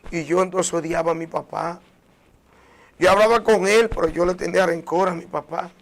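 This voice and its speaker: High-voiced man giving an earnest testimony. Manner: earnest and emotional, with many restarts and soft drops in volume. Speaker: guest sharing a testimony. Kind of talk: personal faith testimony.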